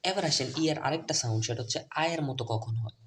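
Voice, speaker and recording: Man teaching English phonics slowly. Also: medium pitch, animated, a bit bright, a little hiss or hum. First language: Bengali. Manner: spells out letters slowly and repeats words. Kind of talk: phonics lesson video.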